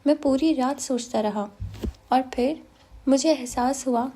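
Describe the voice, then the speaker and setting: A calm, soft-spoken young man, gentle and quietly in love, as a woman reading a novel aloud puts him on. The voice sits high, with a mellow, warm tone. He speaks in an even, unhurried way. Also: a little hiss or hum. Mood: calm, tender.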